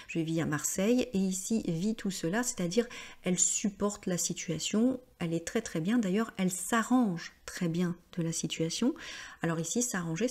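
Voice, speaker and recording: A woman's voice: fairly low pitch, a little mellow. Patient woman teaching French. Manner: patient, explains step by step with many hesitations. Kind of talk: explanatory language lesson.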